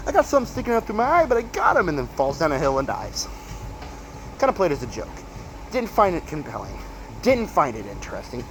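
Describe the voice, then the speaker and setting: A man giving a casual, emphatic movie review as a video host while walking on a treadmill, halting and repeating himself for stress. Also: a little high. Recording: clear treadmill motor and footstep noise. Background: treadmill noise.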